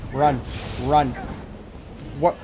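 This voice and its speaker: A man from North Carolina streams a game, chatting casually as he reacts to the action and reads chat aloud in a soft delivery that clips word endings. His voice is fairly high, level, and creaky with drawn-out words, picked up by a noisy stream mic with background noise.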